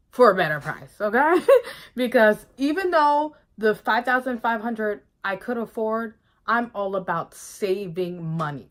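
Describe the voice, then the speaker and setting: Chatty woman saying "okay?" often. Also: on the low side. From United States. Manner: chatty, emphatic, tags lines with "okay?"; laughs often, bursts of excitement. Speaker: vlogger. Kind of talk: casual chat to camera.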